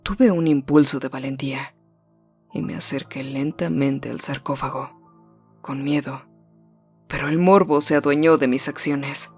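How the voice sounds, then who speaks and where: A storyteller with a voice of middle pitch, narrating a first-person horror tale in a hushed, measured way that slows and sinks at the tense moments. Faint music runs underneath. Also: fairly even intonation, breathy edge.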